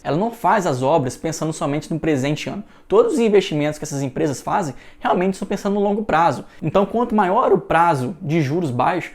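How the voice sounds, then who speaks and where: Homem brasileiro explicando investimentos com energia. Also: male voice, a little high. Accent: Brazilian Portuguese. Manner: energetic, persuasive, many fillers like "realmente". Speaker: investment channel host. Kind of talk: scripted explainer to camera.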